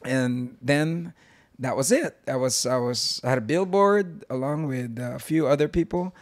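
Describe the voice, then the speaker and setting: A man in his forties from Los Angeles, a guest in a casual interview, telling his story in a lively way and switching between English and Tagalog. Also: mid-range voice, unhurried. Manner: animated storyteller, mixing in Tagalog.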